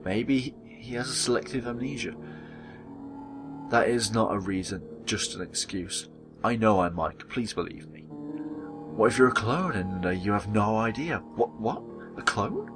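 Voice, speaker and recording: A man with a medium-pitched voice hosts a gaming video, dramatically reading visual novel dialogue aloud and acting out the characters. He adds casual commentary along the way.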